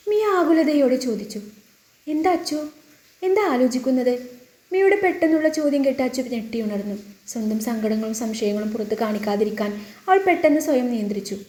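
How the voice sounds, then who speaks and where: A woman's voice: a little high, quick pace. Woman narrating a family drama, echoey. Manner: reads every character's lines in her own voice with gentle emotional shading. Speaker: storyteller. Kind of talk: scripted narration of a serial family story.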